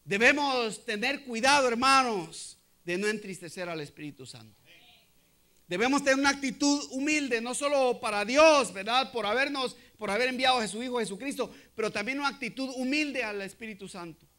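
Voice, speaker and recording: Guy preaching a sermon, real high voice, keeps checking in with the church folks. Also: lively intonation, moderate pace, bright, forceful tone. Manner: keeps checking in with the congregation, hesitant restarts. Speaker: pastor.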